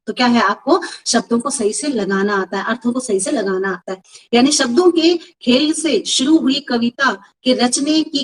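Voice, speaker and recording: A woman teacher runs a Hindi poetry class over a video call, her voice sitting a little high. She explains patiently, circling back over the same example and slipping English words into her Hindi. She calls her students beta as she goes. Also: poor audio. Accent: Indian Hindi. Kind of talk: online class lesson.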